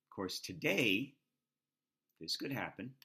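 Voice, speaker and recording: A man hosting, explaining comedy clips in a relaxed, explanatory way with hesitant fillers. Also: fairly low pitch, slow pace, a little hiss or hum. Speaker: host.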